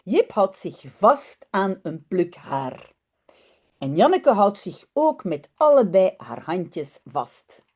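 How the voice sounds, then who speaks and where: A woman teacher, reading a children's story aloud clearly and deliberately. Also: medium pitch, very animated, a little mellow. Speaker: language teacher. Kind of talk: slow read-aloud lesson.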